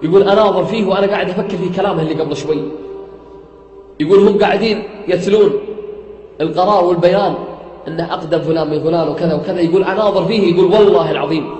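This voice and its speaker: A man preaching with a high voice and a rapid, dramatic delivery. He retells a story in a sermon, swearing oaths and repeating "he says" as he goes. The room is echoey, with faint music underneath. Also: steady tone, a little mellow, muffled recording.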